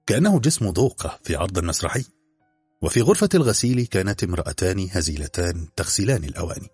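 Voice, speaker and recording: A man narrating a story in an expressive, varied delivery. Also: sits low, slightly rough, dry recording. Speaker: audiobook narrator.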